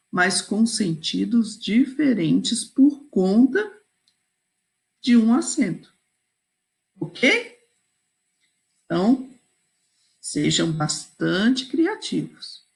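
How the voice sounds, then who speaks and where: Slow, patient woman teacher, lively pitch. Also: gravelly. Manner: slow, patient, checks in with "ok?" and "certo?". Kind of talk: video lesson walking through exercises.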